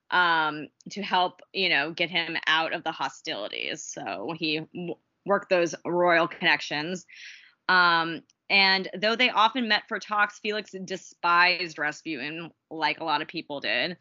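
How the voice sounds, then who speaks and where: A woman's voice: lowish voice, bright, forceful tone, dry recording, dull audio. A woman co-hosting a podcast in casual chat, reading history notes with lots of ums and giggles. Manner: chatty and giggly, reads notes with many ums. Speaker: podcast co-host.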